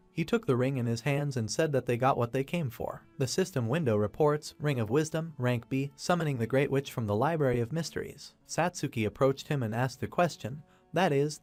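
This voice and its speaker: A man reading a comic story recap as scripted narration, in a steady, even storytelling read. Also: mid-range voice. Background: faint background music.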